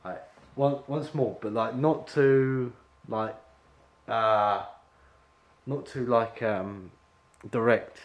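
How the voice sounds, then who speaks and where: A man's voice: mid-range voice, very slow, pauses often. A man directing an actor at an audition, rambling and full of fillers as he explains the scene. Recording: echoey room with faint ambience.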